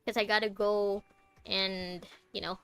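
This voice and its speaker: Speaking a little slowly and with a flat delivery, this young Malaysian game streamer chats casually and thinks out loud while playing. Her mid-range voice is clean and a bit bright.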